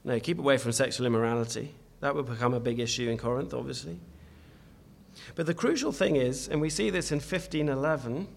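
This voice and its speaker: A man's voice: medium pitch, brisk, vocal fry. A man preaching a sermon in a church, earnest and emphatic, often restarting his phrases as he exhorts the congregation.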